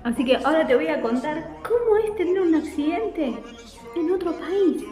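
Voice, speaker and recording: A woman in her forties with an Argentine Spanish accent, telling her story to camera in a casual, animated vlog from a small room at home. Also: extremely high pitch, normal speed, echoey room, faint music behind, poor audio. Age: 40s. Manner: animated, chatty, gestures a lot with her hands. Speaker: vlogger.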